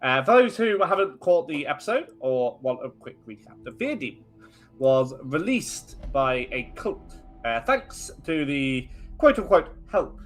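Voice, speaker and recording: A man narrating as game master of a tabletop game, animated and chatty, with asides to his players. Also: mid-range voice.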